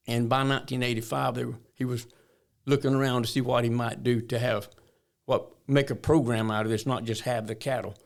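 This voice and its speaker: A man's voice: medium pitch, gravelly. An older man from north Florida with a rural Southern drawl, telling stories in a folksy way as an interview guest. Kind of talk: storytelling interview talk.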